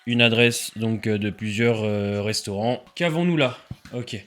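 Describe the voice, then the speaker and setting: A man's voice: lowish voice, unhurried, soft background music. A man, tired from a late night, chatting casually on camera as he orders and tastes takeaway food. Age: late 20s. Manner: chatty, animated, self-mocking. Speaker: food reviewer. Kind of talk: casual food-tasting vlog. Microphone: webcam.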